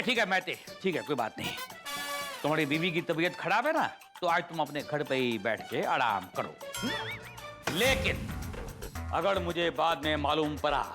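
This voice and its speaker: A blustery, suspicious Indian office boss in a TV sitcom. His high voice swings theatrically between Hindi and English, over loud music. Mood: stern. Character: suspicious, blustery, nosy middle-aged male office boss. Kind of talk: TV sitcom acting.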